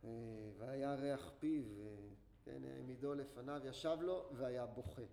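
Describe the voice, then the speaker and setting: A man's voice: mid-range voice, gravelly, mellow. A man teaching a Torah class to a group, telling a story and asking his listeners questions, recorded in an echoey hall with faint noise. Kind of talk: religious class lecture.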